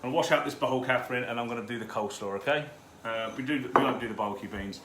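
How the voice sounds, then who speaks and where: A man's voice: mid-range voice, very fast. A man hosting a live cook-along from his home kitchen, chatting loosely with viewers and swearing freely. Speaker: home cooking host. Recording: roomy kitchen with background noise.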